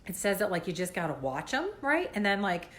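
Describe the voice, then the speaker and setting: Anxious mom vlogging, a woman rambling fast with her nose running, mid voice. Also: mid-range voice, big pitch swings. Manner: anxious, rambling, lots of "like" fillers. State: runny nose. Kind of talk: casual vlog rant.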